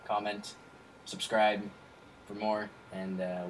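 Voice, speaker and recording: A man's voice: lowish voice, flat delivery, slow pace, a little hiss or hum, rough recording. A young man giving casual gameplay commentary, joking around and easily startled. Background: game music.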